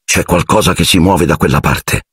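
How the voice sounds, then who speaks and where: A man voicing a cautious teenage boy who speaks in a hushed, urgent way, reading an audiobook. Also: deep voice, normal speed, husky, no echo, clean studio sound, heavily acted. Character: young teenage boy wizard, tense and cautious.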